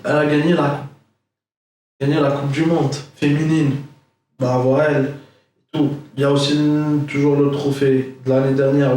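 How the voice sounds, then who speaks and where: A man's voice: mid-range voice, a little mellow. A young man giving a casual, rambling football reaction vlog, chatty and full of fillers. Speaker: football vlogger. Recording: echoey room, far from mic.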